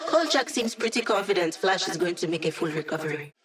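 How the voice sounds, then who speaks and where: A woman's voice: fairly low pitch, lively intonation, fast talker, close to an everyday voice. An actress playing an upbeat, wry female hacker who gives a squad mission support in a video game, with playful, teasing, casual delivery. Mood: brisk, focused.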